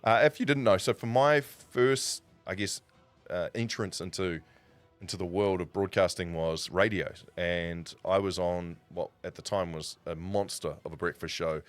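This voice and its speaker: This Kiwi streamer and broadcaster, a man in his forties, speaks at normal speed in a low voice. He wanders through his stories casually on the live stream, chatty and self-correcting.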